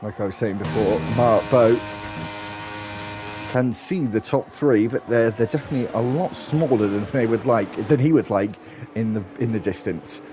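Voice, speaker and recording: Sounding congested from hay fever, a man with a lowish voice gives live commentary on an online sim race at a normal speed. He keeps up a steady stream of talk with minor restarts, against a noisy background.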